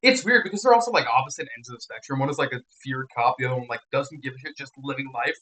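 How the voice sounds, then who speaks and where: A man's voice: mid-range voice, pushed and bright, low-quality recording. A man co-hosting a podcast in casual chat, rambling, swearing and joking as he goes. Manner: rambling, profane, quick to joke and laugh. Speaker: podcast co-host.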